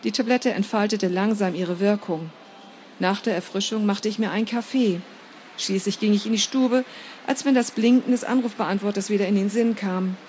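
A woman narrating a first-person story in a measured, steady reading voice. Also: medium pitch, a little hiss or hum.

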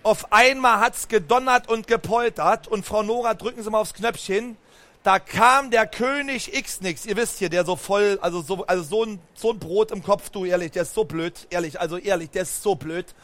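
A high-voiced man telling a picture-book story to a crowd of children. He is animated and keeps turning to the kids with questions. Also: normal speed. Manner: animated, talks straight to the children, asks them questions. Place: book fair stand.

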